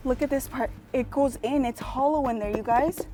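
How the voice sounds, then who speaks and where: A woman's voice: high voice, normal speed. A young woman vlogging in her garden, talking to viewers in a jumpy, anxious way and repeating herself. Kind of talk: casual vlog talking to viewers. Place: outdoor home garden.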